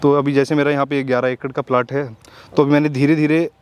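A man's voice: medium pitch, level tone, fast. A man in his thirties, an orchard owner and shooting coach, answering interview questions politely outdoors in an orchard. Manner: polite, frequent respectful "ji".

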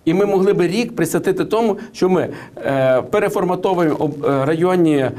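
This studio interview features a man with a high, animated, darkish voice speaking fairly quickly about political and economic matters. He tells anecdotes but stumbles through many fillers and restarts.

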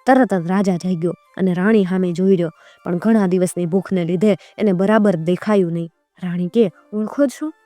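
A woman narrating an old folk tale in a steady, homely storytelling manner. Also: on the low side, a little fast, dry recording, faint music behind.

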